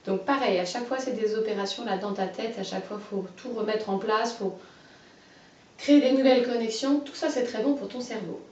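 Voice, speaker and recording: A woman giving a phonics lesson to a young child, saying syllables slowly and clearly and praising each answer. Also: a little high, darkish tone. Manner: slow, clearly stressed syllables, encouraging. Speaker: teacher. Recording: roomy, distant, muffled home video.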